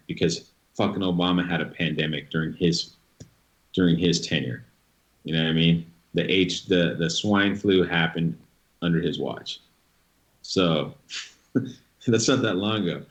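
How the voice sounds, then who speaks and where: A man's voice: low voice, normal speed. A man co-hosting a casual live-stream chat, blunt and swearing freely. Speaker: co-host.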